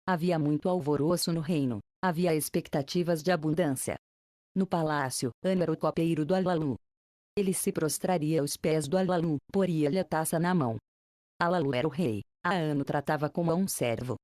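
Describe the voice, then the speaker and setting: A woman narrating an ancient epic in low, mellow tones. She reads in a measured, formal manner, phrase by phrase, and the recording is dry and close. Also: no room sound. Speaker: audiobook narrator.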